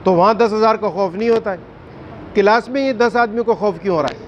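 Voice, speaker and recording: High-voiced man teaching recitation. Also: muffled recording, slight background noise. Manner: firm, questioning, drawn-out recited words. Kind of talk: classroom tajweed lesson.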